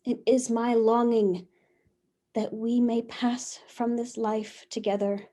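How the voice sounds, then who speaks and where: A woman's voice: fairly high pitch, flat delivery, takes it slowly, mellow. An actress playing Eve as a passionate young wife, speaking earnestly and lingering over her words over a video call. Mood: solemn. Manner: earnest, lingering, heartfelt delivery. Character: first woman, passionate devoted young wife. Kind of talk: theatrical reading of a one-act play.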